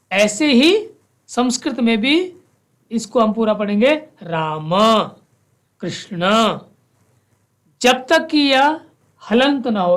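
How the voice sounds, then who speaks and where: Slow-paced woman teaching recitation. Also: fairly high pitch. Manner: slow, measured recitation of verses; explains pronunciation, mixing Sanskrit and Hindi. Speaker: Sanskrit teacher. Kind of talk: classroom recitation lesson.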